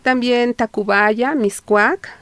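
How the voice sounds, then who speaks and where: A Mexican woman historian, with a Mexican Spanish accent, is a guest on a radio interview, explaining at length with frequent fillers and restarts. Her voice is on the high side, slow, and a bit bright. The dry radio studio recording has no echo.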